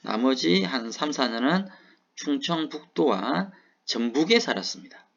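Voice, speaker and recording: A man's voice: medium pitch, lively intonation, measured pace, vocal fry, fairly bright tone, lo-fi sound. A man in his forties with a Gyeongsang accent, lecturing and answering his own rhetorical questions. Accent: Gyeongsang Korean. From Gyeongsang region, South Korea. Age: 40s. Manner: asks rhetorical questions and answers them himself.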